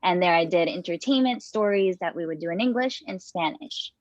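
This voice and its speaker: Introducing herself on a panel, a young TV news producer and reporter speaks unhurriedly, often restarting and filling gaps with fillers. Her lowish voice carries lively intonation; there's no room sound, and the audio is dull.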